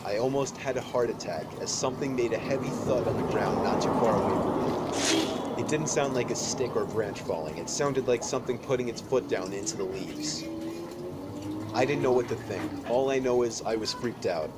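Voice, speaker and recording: A man reading a scripted horror story in an even, measured way. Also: medium pitch. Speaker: narrator. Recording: loud background noise. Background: loud noise.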